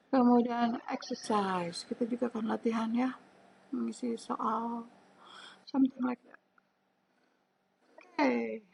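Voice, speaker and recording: A woman teaching a beginner language lesson, speaking slowly and patiently and drawing out example syllables. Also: on the high side, gravelly, darkish tone, husky, highs cut off. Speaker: Mandarin teacher.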